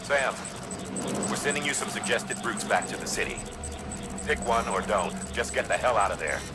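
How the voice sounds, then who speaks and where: A man's voice: mid-range voice, lively intonation, moderate pace, lightly acted. A man playing a commanding male mission director giving curt orders over the radio. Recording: game audio, loud background noise.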